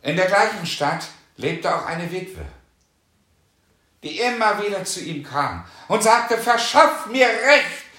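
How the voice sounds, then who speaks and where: A man's voice: high-pitched, expressive, slow, sharp tone, reverberant. A man preaching a fervent sermon, reading scripture aloud and calling out hallelujah again and again.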